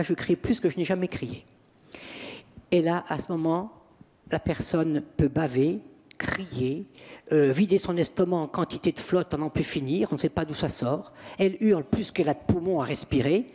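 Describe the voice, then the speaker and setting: A man, an exorcist priest, telling lively and emphatic anecdotes in an interview. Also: on the high side, normal speed, slightly rough, in a large hall. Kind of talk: interview storytelling.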